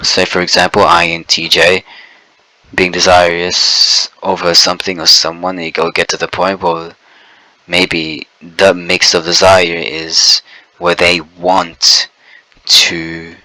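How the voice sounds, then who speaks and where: A man speaking in a casual monologue, talking fast and stumbling over his words with many stuttering restarts, short on sleep. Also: low voice, gravelly, sharp tone, no room sound, low-quality recording. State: sleep-deprived. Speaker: video blogger.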